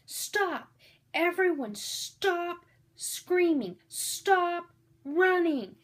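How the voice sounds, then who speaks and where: A woman voicing a frantic male police colleague who shouts urgent warnings and commands in an audiobook. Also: very high-pitched, animated, drawn-out words, voice pushed up, full character voice. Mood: shouting urgently.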